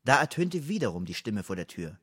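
A man reading a story aloud in a lively, expressive way. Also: mid-range voice, fairly quick, slightly rough, no echo, clean studio sound. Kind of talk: scripted narration.

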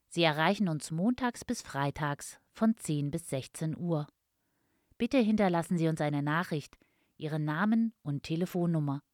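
Lower-pitched woman, polite customer service voice. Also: darkish tone, dry recording, clean studio sound. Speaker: phone announcement voice. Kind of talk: scripted answering machine announcement.

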